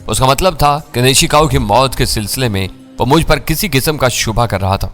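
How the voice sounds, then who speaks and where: A man reading a first-person thriller story in a measured, dramatic way. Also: medium pitch, fairly bright tone, soft background music.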